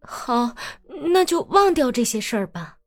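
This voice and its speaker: A woman's voice: on the high side, sing-song, soft background music, voice pushed up. A woman voicing a bold, mocking young peasant woman who talks in a brash, teasing way in an audiobook. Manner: brash, teasing, quick-tongued.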